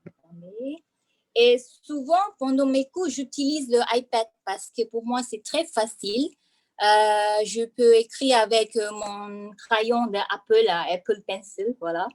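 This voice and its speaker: A woman's voice: fairly high pitch, unhurried, a little mellow. A woman French teacher giving a hesitant online presentation over a video call, with many fillers and restarts.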